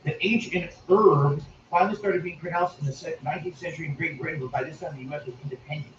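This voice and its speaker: A man's voice: on the high side, fast talker, slight background noise. A man giving casual, wry gameplay commentary and musing aloud as a game streamer. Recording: distant roomy lo-fi stream recording.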